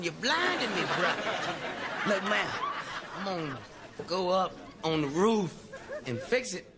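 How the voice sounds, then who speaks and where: A slangy wisecracking sitcom buddy. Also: male voice, high voice. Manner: slangy, jokey street talk. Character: wisecracking easygoing man, joking his way out of trouble. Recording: noisy sitcom soundtrack with laugh track.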